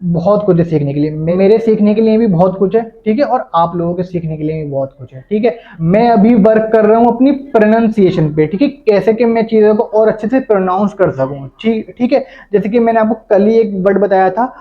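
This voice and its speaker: A man's voice: high voice, animated, a little fast, few pauses. Young Indian man teaching English casually. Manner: repeats a filler after nearly every phrase. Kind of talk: casual spoken English lesson. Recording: dull lo-fi sound.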